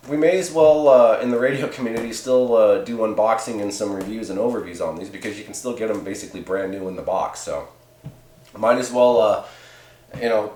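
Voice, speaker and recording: In an echoey room, a man who hosts CB radio review videos rambles through an off-the-cuff product review in a relaxed, colloquial way. His voice sits on the low side and is a little mellow.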